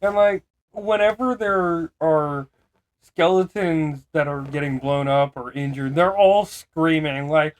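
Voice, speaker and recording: A man's voice: on the high side, slow. A man co-hosting a casual podcast chat, who laughs along and asks the questions.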